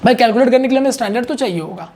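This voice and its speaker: Speaking very fast in a very high, darkish voice, a man gives an explanatory online chemistry lesson. His delivery is conversational and repetitive, with regular check-ins with students.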